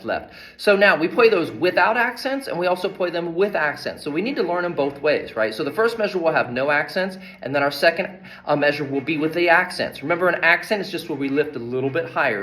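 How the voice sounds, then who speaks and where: A man with a slightly high, somewhat bright voice demonstrates percussion rudiments, explaining each exercise, counting beats aloud and often adding "right?". Drums play between his spoken lines.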